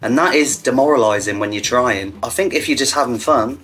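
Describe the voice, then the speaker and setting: Male online creator, average pitch, informal sweary delivery, self-deprecating, light music underneath. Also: fairly quick, a bit bright. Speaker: online content creator hosting a hot wing challenge. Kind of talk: casual sweary chat to camera.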